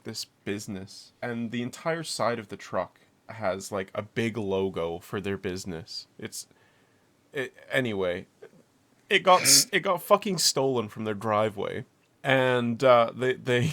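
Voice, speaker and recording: A man's voice: medium pitch, lively intonation, a little slow, fairly bright tone. A young man co-hosting a podcast, telling a rambling, swearing anecdote in casual chat. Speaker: podcast co-host.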